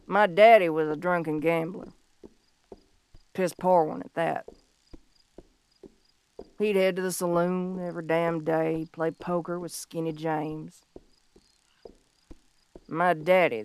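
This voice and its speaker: A woman playing a young, tough but tender tomboy bounty hunter of the Old West in an audio role-play, speaking in a folksy, halting, heartfelt way. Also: low voice, fairly even intonation, darkish tone, smooth, no echo. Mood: bitter. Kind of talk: scripted audio role-play monologue, intimate and slow.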